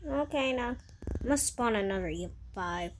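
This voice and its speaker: A woman giving casual gameplay commentary, talking to herself in an excitable, exclaiming way. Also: on the high side, unhurried, slight background noise. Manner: excitable, exclaiming and muttering to self. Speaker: gamer narrating gameplay.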